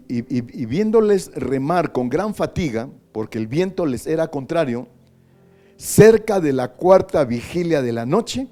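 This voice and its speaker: Fervent Mexican pastor preaching. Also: male voice, fairly high pitch. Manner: fervent, swells to loud drawn-out prayer; conversational, repeats words, asks the congregation. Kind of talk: sermon.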